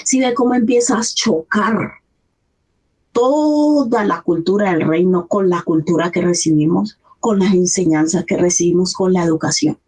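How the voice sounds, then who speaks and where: A woman's voice: lowish voice, steady tone, moderate pace, a little mellow, husky. A middle-aged woman pastor, preaching a sermon in an earnest, conversational way. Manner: earnest, conversational preaching, acts out quoted voices.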